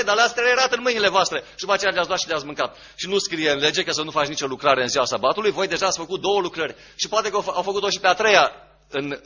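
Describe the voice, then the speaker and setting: A man's voice: high voice, sharp tone, slightly rough, lo-fi sound. A man preaching a sermon, emphatic, repeating key phrases and asking rhetorical questions.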